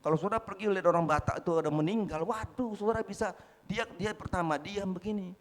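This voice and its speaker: A man preaching a sermon in a church, often addressing the congregation as brothers and sisters, swinging between loud emphatic peaks and quiet asides. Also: high voice, quick pace, slight background noise. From North Sumatra, Indonesia. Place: large church hall. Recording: echoey hall with long reverb.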